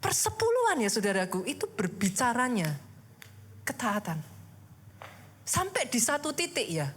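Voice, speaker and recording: A woman pastor preaches in a high, bright voice. Her pitch swings widely as she talks to the congregation in a casual, conversational way. She keeps asking them rhetorical questions. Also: sing-song, moderate pace, slight background noise. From Indonesia. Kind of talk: sermon.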